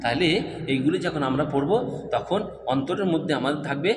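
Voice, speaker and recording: A man teaching Quran reading, chanting letter drills slowly in a sing-song way with a Bengali accent. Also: on the high side. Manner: slow, sing-song repetition of syllables. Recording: echoey room with long reverb, faint background noise.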